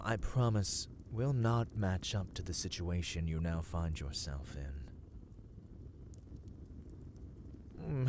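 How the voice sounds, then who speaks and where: Low, darkish and very slow, with a faint hiss or hum, this is a voice actor voicing an ancient, predatory vampire lord for an ASMR fantasy roleplay. His formal, theatrical lines often fall into whispers, and he comes across as imperious, coldly courteous and coolly threatening.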